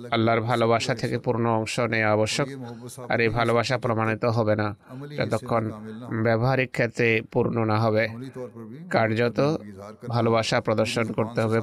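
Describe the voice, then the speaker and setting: Man, sermon, measured exhortation, flat level delivery, middle pitch. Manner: measured, exhortative, quoting scripture with restarts. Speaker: religious speaker.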